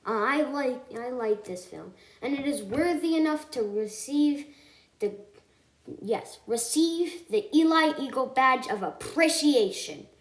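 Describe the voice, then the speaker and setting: A woman with a fairly high voice gives an earnest, emphatic film review as a voice-over. She stumbles now and then and corrects herself mid-sentence. The room around her echoes.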